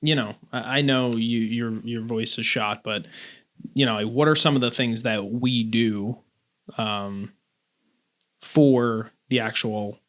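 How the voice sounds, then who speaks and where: American man, medium-pitched, casual podcast co-host, joking banter. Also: fairly even intonation, slow pace, a bit bright. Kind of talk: casual chat.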